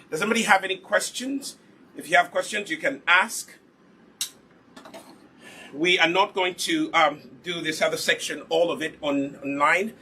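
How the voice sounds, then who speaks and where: Patiently demonstrating hair care in a live online lesson, a hair care instructor and product maker from Uganda asks rhetorical questions and answers them as he goes. His voice is on the high side, pushed and bright, with slight background noise behind it.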